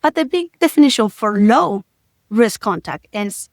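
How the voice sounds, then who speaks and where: A woman physician from Argentina, explaining carefully in an interview, in a measured way with many "like" and "right?" tags. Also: on the high side, animated, no room sound. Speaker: infectious disease physician guest. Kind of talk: expert interview answer.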